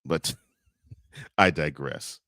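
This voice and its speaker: A man's voice: extremely low pitch, drawn-out words, bright, forceful tone, no room sound, clean studio sound. A man hosting a live morning variety show, chatting casually, reading out viewer comments with frequent laughs. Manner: chatty, laughs often, repeats plugs.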